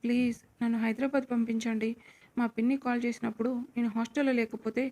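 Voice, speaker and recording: A timid young woman, frightened and pleading, as a narrator reads her, soft and anxious. The voice sits slightly high and moves little in pitch. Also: flat delivery, fast talker, natural voice. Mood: fearful. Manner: soft, fearful.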